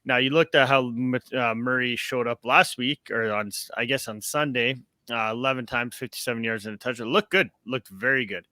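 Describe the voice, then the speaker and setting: A man's voice: mid-range voice, normal speed, sharp tone, no room sound. Upbeat young man hosting a podcast. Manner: upbeat, rambling, lots of fillers. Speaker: podcast host. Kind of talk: casual sports podcast chat.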